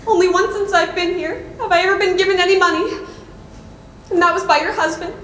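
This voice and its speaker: A woman's voice: extremely high pitch, fairly even intonation, fairly quick, fairly bright tone. A woman playing a meek young governess. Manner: meek and deferential. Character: timid, downtrodden young female governess. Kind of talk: stage play performance. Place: school stage before an audience. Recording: echoey hall with faint ambience.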